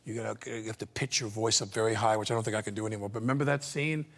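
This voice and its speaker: A man's voice: fairly low pitch, racing. A male actor as an interview guest, telling stories animatedly and acting out other voices. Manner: animated storyteller, acts out voices. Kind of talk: anecdotal interview talk. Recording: noisy archive interview clip.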